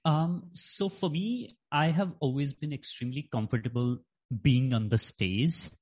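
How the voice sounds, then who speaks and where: Man from Nepal, 30s, podcast guest; hesitant, filler-heavy, mid-pitched. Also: unhurried, darkish tone, husky. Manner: hesitant, many fillers and restarts. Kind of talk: reflective interview talk.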